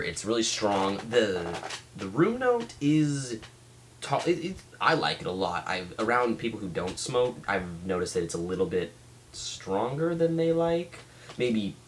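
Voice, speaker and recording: A man giving a casual, rambling product review as a vlog reviewer, speaking haltingly and often restarting his sentences. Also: low-pitched, fairly bright tone, a little hiss or hum. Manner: halting, with many restarts and trailing thoughts. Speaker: pipe tobacco reviewer.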